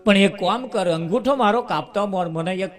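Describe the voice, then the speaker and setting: A man voicing a calm, patient male sage who speaks softly and evenly. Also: high voice, normal speed, soft background music, pitched above the performer's own voice, close to an everyday voice.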